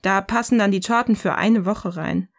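A woman with a natural, mid-range voice plays a self-assured, provocative partner in scripted audio-novel dialogue. She speaks in a poised, deliberate way.

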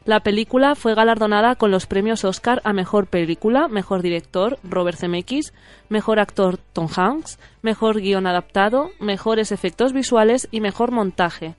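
A woman's voice: medium pitch, normal speed. A woman hosting a film show, presenting in a semi-scripted way. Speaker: radio film show host.

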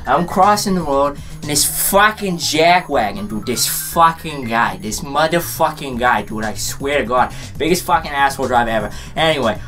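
A man's voice: medium pitch, lively intonation, moderate pace, few pauses, a bit bright, soft background music, close to an everyday voice. A young man doing an impression voice of a foul-mouthed, rambling, brash guy, ranting irritably. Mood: irritated ranting. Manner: switching impression voice. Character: foul-mouthed Boston guy ranting about bad drivers. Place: plain small room indoors.

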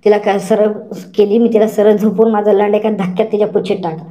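A woman narrating an adult story in the first person, slow and repetitive, saying words over and over. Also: mid-range voice, flat delivery, mellow.

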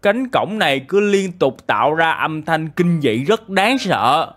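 A man voicing an angry old male villager in a game, speaking sternly and slowly. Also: on the high side, very animated, a bit bright.

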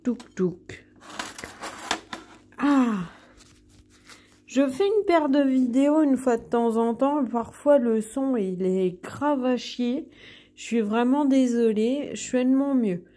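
A woman's voice: on the high side, mellow. A woman recording a casual, chatty video diary from her hospital room, talking about her meal with self-deprecating asides. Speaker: vlogger.

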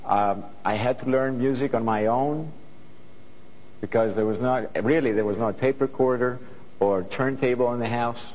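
A man's voice: mid-range voice, moderate pace, darkish tone, in a large hall, rough recording. A middle-aged man with a Greek accent, speaking earnestly to a student audience on a studio stage through a lapel mic and often restarting his sentences. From Greece. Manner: earnest, thoughtful, with frequent restarts. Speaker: guest composer.

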